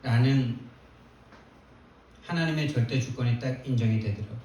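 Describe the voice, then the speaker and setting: A man preaching a sermon as pastor, retelling a story in an animated way with quoted prayers. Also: mid-range voice, moderate pace, muffled recording, a little hiss or hum. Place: church sanctuary. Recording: echoey church hall from far off.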